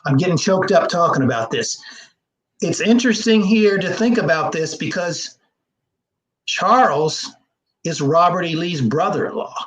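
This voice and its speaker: A man, a historian and genealogist, explaining history over slides in an interview, measured and explanatory with frequent fillers. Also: fairly high pitch, animated, low-quality recording.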